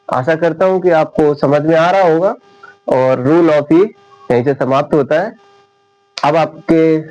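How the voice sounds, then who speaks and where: A man teaching an English lesson, talking slowly and deliberately and repeating each point. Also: a little high, a little mellow, muffled recording. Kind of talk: classroom lecture.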